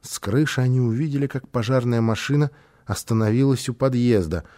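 A man reading a children's story aloud, with an expressive, animated delivery. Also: medium pitch, brisk. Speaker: narrator.

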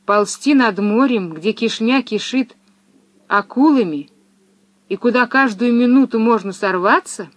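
A woman's voice: fairly high pitch, unhurried, no room sound, natural voice. A woman doing a frightened little girl. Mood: scared.

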